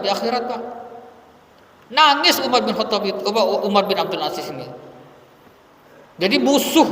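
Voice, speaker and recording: A man preaching a lively sermon to his congregation, telling stories and addressing them directly. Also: sits high. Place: gathering hall for an evening study. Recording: echoey hall from far off.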